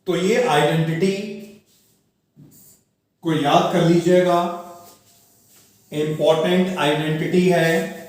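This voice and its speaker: Male maths teacher, forties, slightly high voice, slow careful dictation, recorded off-mic in an echoey classroom. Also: fairly even intonation, far from the mic. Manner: slow, dictating step by step, asks the class questions. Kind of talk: classroom lecture.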